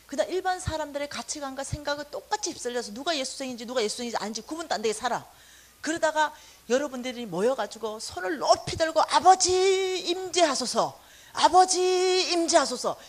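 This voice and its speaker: Animated woman preacher telling stories. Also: on the high side, breathy edge. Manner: animated storytelling, acting out quotes. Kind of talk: sermon.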